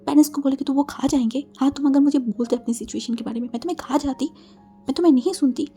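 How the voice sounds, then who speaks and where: A woman's voice: high-pitched, fast talker, warm tone, soft background music, close to an everyday voice. A woman voicing a middle-aged mother in a storybook retelling, lecturing her son sternly. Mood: scolding.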